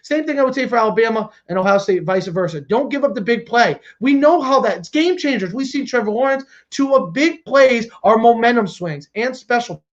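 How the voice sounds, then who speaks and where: A man's voice: very high voice, expressive, fairly quick, hardly any pauses. A man co-hosting a casual sports podcast, laid-back while he breaks down games. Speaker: podcast co-host. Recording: dull lo-fi sound.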